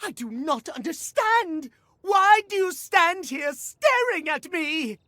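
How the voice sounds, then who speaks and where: A woman voicing an uptight, schedule-obsessed male clock figure in a video game, shouting and indignant. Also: very high voice, sing-song, takes it slowly, exaggerated voice. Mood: furious.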